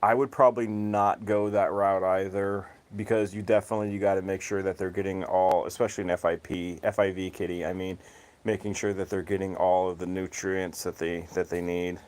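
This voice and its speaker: A man with a lowish voice hosts a relaxed livestream from home. He talks easily and evenly, answering viewers' comments with frequent fillers in a voice he calls monotone. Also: brisk. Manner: relaxed, chatting to viewers, says his voice is monotone. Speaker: livestream host. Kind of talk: casual livestream chat. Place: home, cats outdoors.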